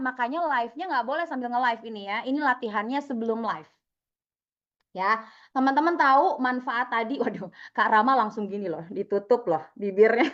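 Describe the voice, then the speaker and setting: Leading a live training session over video call, this young woman speaks in a slightly high, fairly bright voice with lo-fi sound. She stays upbeat and talkative, calling on participants by name.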